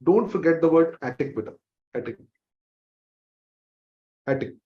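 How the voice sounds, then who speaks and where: A man's voice: fairly high pitch, lively intonation, a little slow, lo-fi sound. A man with an Indian accent teaching a medical revision class, emphatically repeating key facts. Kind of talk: exam revision lecture.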